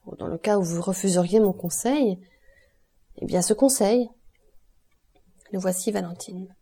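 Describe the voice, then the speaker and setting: Ardent young lover read by a woman narrator, urgent and earnest, soft warm tone. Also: mid-range voice, unhurried, slightly rough. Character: young man, ardent, passionate, desperate lover. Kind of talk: audiobook character reading.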